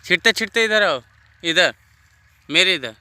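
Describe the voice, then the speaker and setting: A man's voice: high-pitched, expressive, moderate pace, bright, forceful tone, no room sound. A man vlogging outdoors beside farm fields, coaxing a little girl along and dropping simple English phrases into his talk. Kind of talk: casual outdoor vlog.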